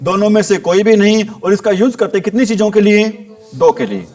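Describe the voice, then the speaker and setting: A man's voice: sits high, a little fast, darkish tone. An Indian man teaching a grammar class, asking each question and answering it himself, drilling points again and again. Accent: Hindi-accented English words.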